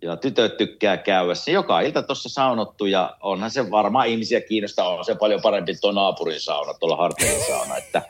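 A man's voice: deep voice, hardly any pauses, a little hiss or hum. A man from Finland living in America, chatting casually about hockey and telling stories with laughter. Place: home in America.

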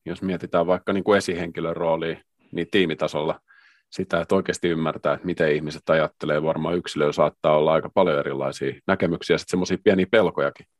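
A man co-hosting a podcast, speaking in a measured, hedging way in a casual discussion about work. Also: a bass voice, fairly even intonation, dry recording. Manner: measured, hedging, many restarts. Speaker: podcast co-host.

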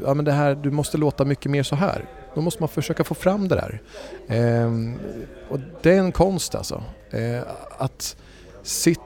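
A man's voice: mid-range voice, darkish tone. Man talking through a voice-casting interview. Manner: thoughtful, hesitant with fillers and restarts. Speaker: voice agency CEO and voice-over speaker. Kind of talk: conversational interview.

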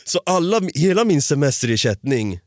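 A man's voice: a little high, no room sound, studio quality. A man from Sweden telling a story in a casual podcast chat, swearing often and laughing as he goes. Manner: swears a lot, animated retelling with laughter.

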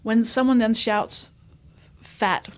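A woman's voice: mid-range voice, normal speed. A woman comedian and author talking openly as an interview guest, often acting out quoted remarks in her own voice. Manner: candid, animated, quotes herself and others. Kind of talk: conversational interview.

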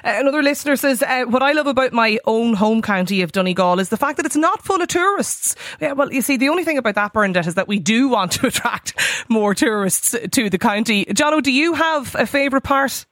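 A woman's voice: a little high, animated, a little fast, few pauses, a bit bright, no echo. Irish woman hosting radio, close dry sound. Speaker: radio host. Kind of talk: radio phone-in presenting, reading listener messages. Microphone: studio microphone.

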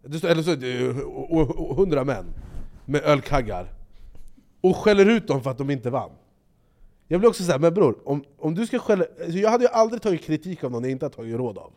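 A man co-hosting a podcast in casual chat, animated and swearing, acting out quotes in loud raised voices. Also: fairly high pitch. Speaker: podcast co-host.

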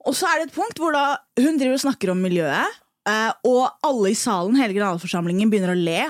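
A young woman, a comedian, telling stories in an animated way on a casual podcast, laughing often. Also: medium pitch, dry recording, studio quality. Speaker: comedian guest.

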